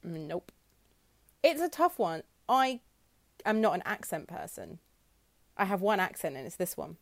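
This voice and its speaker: A woman's voice: on the low side, big pitch swings, a little slow. A woman co-hosting a casual podcast chat, dry and self-deprecating, laughing often. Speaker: podcast co-host.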